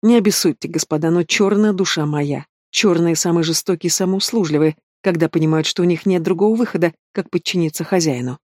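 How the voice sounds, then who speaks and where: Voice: mid-range voice, fast talker, few pauses, darkish tone, dry recording, close to an everyday voice. Mocking male demon, theatrical and sardonic, dry close sound, put on by an audiobook reader. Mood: menacing calm. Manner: taunting, theatrical.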